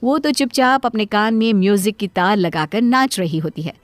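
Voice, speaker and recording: A woman's voice: medium pitch, moderate pace, dry recording. A woman narrating a cartoon story in a plain, scripted way.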